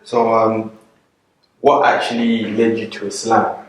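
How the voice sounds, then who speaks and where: A man's voice: on the low side, monotone, measured pace, a little hiss or hum. A man hosting a casual street interview, speaking in a laid-back way and often adding short replies like "okay, cool.". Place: outdoors on a street. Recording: echoey, from far off.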